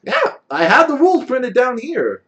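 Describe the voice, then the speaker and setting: A man narrating a casual tabletop game as game master, expressive and conversational. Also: very high voice, moderate pace, dull audio.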